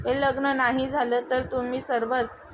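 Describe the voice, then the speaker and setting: A woman voicing a frightened young bride of twenty, speaking softly and hesitantly. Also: high-pitched, flat delivery, normal speed, lightly acted, low-quality recording. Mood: fearful. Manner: soft, hesitant. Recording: noticeable background noise.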